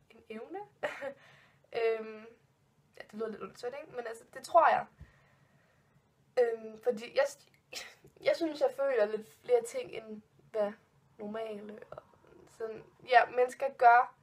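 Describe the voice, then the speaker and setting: A woman's voice: on the high side, fairly even intonation, long pauses. A woman in her twenties telling ghost stories in a casual vlog, rambling with many fillers and restarts, spooked and giggling nervously. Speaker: vlogger.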